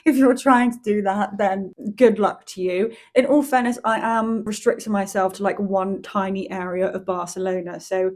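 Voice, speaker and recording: A young woman vlogging about her week in a chatty, candid way, full of fillers and the occasional swear. Her voice is mellow and warm, sitting at an ordinary middle pitch. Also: fairly even intonation, normal speed, hardly any pauses. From Spain. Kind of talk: casual vlog chat.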